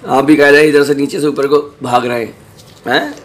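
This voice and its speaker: A man teaching a Quran lesson online, slowly reciting and repeating each Arabic word, then explaining quickly and gently reassuring his learners with small jokes. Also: medium pitch.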